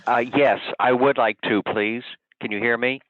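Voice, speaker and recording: A man speaking over the phone, giving halting, polite public comment at a county meeting. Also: mid-range voice, fairly even intonation. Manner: halting and polite, often trailing off. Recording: tinny dry phone line.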